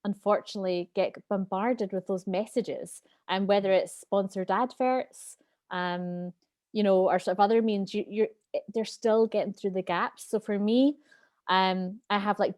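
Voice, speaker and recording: A woman's voice: medium pitch, no echo, studio quality. A woman wellbeing expert talking earnestly and openly as an interview guest. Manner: earnest, open, animated. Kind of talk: candid interview talk.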